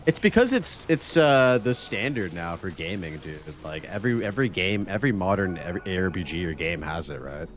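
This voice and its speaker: A man's voice: low voice, sing-song, brisk, few pauses. A young man chatting as a guest on a gaming stream, easygoing, laughing and swearing, saying "bro" and "dude". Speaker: guest content creator. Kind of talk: casual gaming chat.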